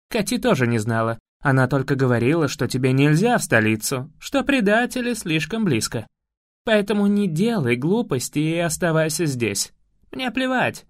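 A man's voice: fairly high pitch, no echo, studio quality. A man reading an audiobook voices a lovelorn, stern male elf guardian, speaking in an earnest, grave way.

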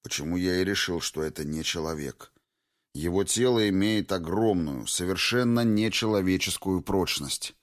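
A man voicing a rough male fighter in an audiobook, blunt and given to swearing. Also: low voice, moderate pace, no echo, studio quality, natural voice. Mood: grim.

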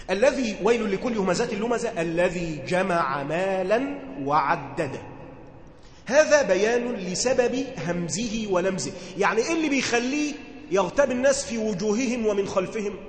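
A man's voice: sits high, expressive, fairly quick, echoey room, in a large hall. A man with an Egyptian accent teaching a religious lesson. He reads the classical text, then explains it in casual dialect and keeps asking his listeners whether they follow. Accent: Egyptian Arabic. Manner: conversational, asks listeners questions to check understanding. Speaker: teacher explaining Quran commentary.

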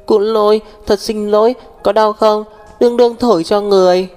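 A man's voice: high-pitched, fairly even intonation, normal speed, long reverb tail, faint music behind, voice pushed up, lightly acted. A man doing a tiny bashful toddler boy. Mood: sweet apologetic. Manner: soft, childlike and babbling.

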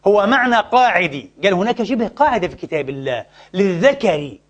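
Male religious law teacher, high voice, quick delivery, quizzes the room. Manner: animated, asks the audience to finish his sentences. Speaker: Islamic jurisprudence teacher. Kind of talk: lecture with call-and-response questions.

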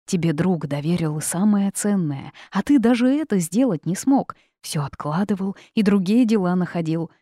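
A woman's voice: lowish voice, animated, normal speed, hardly any pauses, mellow, no room sound, studio quality. A woman voicing a stung, defiant young man who hisses back at his brother. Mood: resentful. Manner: hissing, resentful.

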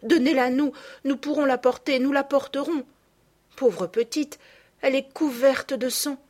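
A woman reading a storybook, voicing an eager, brave young girl with a high, urgent manner. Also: expressive, normal speed. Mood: pleading.

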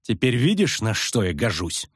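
A man's voice: medium pitch, lively intonation, moderate pace, no echo, clean studio sound, voice pushed up, close to an everyday voice. A man voicing a fierce young woman archer who speaks tersely through clipped words in an audiobook. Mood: furious.

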